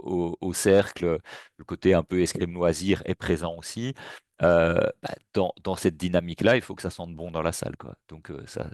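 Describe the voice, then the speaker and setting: A man's voice: sits low, a little mellow, dry recording, studio quality. A man presenting a webinar in a casual, hesitant way, with many fillers and restarts. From Belgium.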